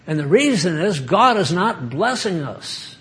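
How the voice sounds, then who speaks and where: An older American man giving an informal sermon, conversational and halting with many fillers. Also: high voice, big pitch swings, a bit bright. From United States. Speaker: preacher.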